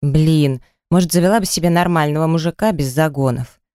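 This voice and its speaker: A woman's voice: deep voice, a little fast, dark tone, no room sound, lightly acted. A woman reading an audiobook voices a tipsy, teasing young woman friend in a dry, close recording. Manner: slurring, teasing.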